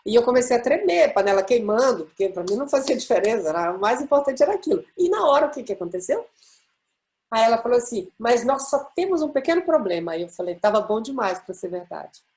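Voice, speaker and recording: A middle-aged woman from Brazil giving a personal testimony, telling her story in an animated way and acting out the quoted dialogue. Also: on the high side, fast talker. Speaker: guest speaker.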